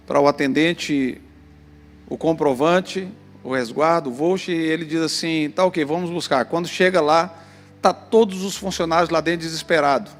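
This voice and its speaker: A man with a Brazilian Portuguese accent preaching a sermon, telling a story in an animated way to the congregation in a church hall. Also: a little high, normal speed. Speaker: pastor. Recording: long church reverb, faint music.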